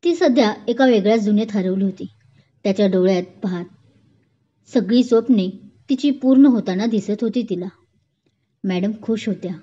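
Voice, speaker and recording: A woman reading a romance story aloud with soft, emotive narration. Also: medium pitch, normal speed, pauses often, husky. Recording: dull lo-fi recording.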